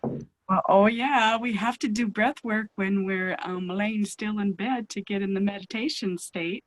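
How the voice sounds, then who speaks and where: A woman's voice: mid-range voice, fairly even intonation, measured pace, no echo, rough recording. A woman taking part in a group call, chatting casually as a participant. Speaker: workshop participant. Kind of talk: casual chat.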